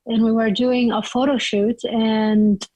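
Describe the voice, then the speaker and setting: A woman's voice: a little high, flat delivery, measured pace, darkish tone, no room sound, dull audio. A young woman from Iraq, chatting as an interview guest and telling her story loosely, with lots of "like" and "you know.".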